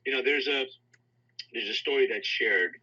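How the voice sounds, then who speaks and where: A man hosting a live talk session, telling a motivational story in an earnest way and getting animated when he quotes people. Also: medium pitch, moderate pace. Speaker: host of a live audio room. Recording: dull lo-fi audio.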